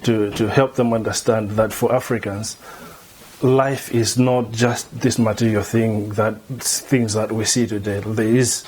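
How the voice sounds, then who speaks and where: A middle-aged man from Malawi, a theology lecturer, answering interview questions in a measured way, often repeating words as he thinks. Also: fairly low pitch, little pitch movement, darkish tone, a little hiss or hum. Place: indoor room before a banner.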